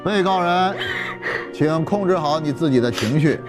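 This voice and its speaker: Actor doing a formal judge, commanding, a bit high. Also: male voice, expressive, over music, close to an everyday voice. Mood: authoritative. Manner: formal, commanding, drawn-out court calls. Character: stern male presiding judge, authoritative. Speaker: presiding judge.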